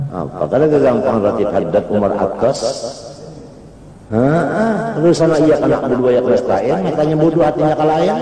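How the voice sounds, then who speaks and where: A man with a Banjar accent giving a chatty, joking sermon to a congregation, laughing often as he talks. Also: medium pitch. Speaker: preacher. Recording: echoey hall, distant mic, crowd.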